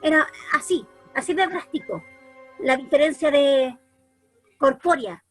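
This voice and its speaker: High-voiced Chilean woman telling a story. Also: a little slow, soft background music. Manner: animated, lots of restarts and repeats. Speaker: church youth leader. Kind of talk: storytelling testimony on a group video call. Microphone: video call.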